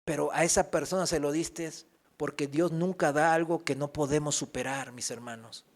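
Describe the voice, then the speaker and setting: A man preaching a sermon as pastor, animated, acting out whiny voices for comic effect. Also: on the high side, normal speed. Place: church.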